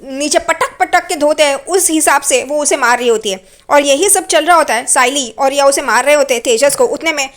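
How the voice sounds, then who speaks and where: High-voiced woman recapping a serial. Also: fairly quick, few pauses. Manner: animated, vivid retelling. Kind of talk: casual storytelling recap.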